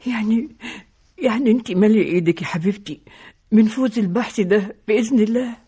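An ailing Egyptian mother in a radio play. Her tearful voice is husky and dark-toned, tender and worried. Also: mid-range voice, a little fast. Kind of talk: radio drama acting.

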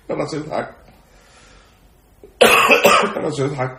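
Man, Buddhist monk, animated storytelling sermon, laughing asides, roomy echo. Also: a little high, takes it slowly, very noisy. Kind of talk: dharma talk storytelling.

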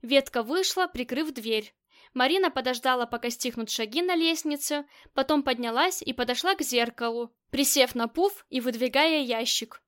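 A woman narrates a crime novel in a steady audiobook reading. Her voice sits high, and her delivery stays even and measured. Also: smooth. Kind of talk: scripted narration.

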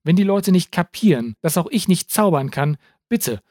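A man's voice: fairly high pitch, very animated, normal speed, a little mellow, no room sound, studio quality, voice pushed up. A man voicing a blunt woman politician. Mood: angry. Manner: curt, blunt and exasperated. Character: tough, sharp-tongued woman politician.

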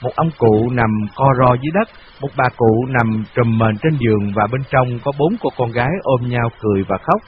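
A man narrating a novel in a steady, measured way. His voice sits at a medium pitch. The recording is muffled and lo-fi with a faint hiss. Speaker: audiobook narrator. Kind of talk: scripted narration.

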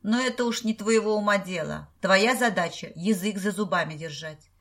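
A woman playing a gruff bullying thug. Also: mid-range voice, moderate pace, fairly bright tone, close to an everyday voice. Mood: menacing. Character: rough grown man, threatening thug.

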